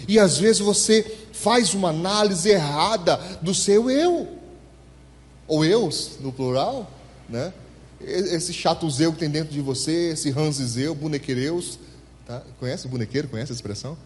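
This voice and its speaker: A pastor, preaching a sermon in church and calling on the congregation to answer him. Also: male voice, on the high side, normal speed. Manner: animated, asks the congregation to respond. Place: church hall. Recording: echoey church hall.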